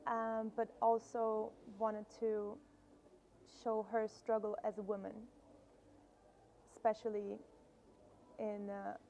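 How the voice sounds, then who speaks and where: A woman from Brazil with a mellow, gravelly voice speaks in an even, level tone. She answers a festival interviewer thoughtfully, pausing often as she gathers her thoughts. Faint ambience sits behind her. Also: mid-range voice, a little hiss or hum, rough recording. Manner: thoughtful, with frequent pauses and fillers. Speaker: filmmaker guest. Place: film festival in Brussels.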